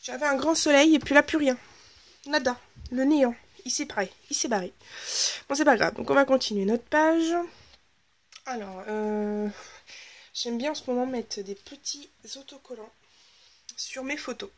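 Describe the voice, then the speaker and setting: Chatty woman crafting aloud. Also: on the high side. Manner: chatty, thinks aloud while working, drifts into half-whispers. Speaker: scrapbooking video host. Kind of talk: casual crafting tutorial chat.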